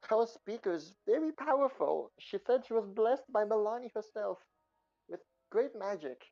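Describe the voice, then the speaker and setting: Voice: mid-range voice, animated, moderate pace, gravelly, no echo, faint music behind. A player voicing a devout, fearful villager woman who stammers and hesitates, on a dull stream recording.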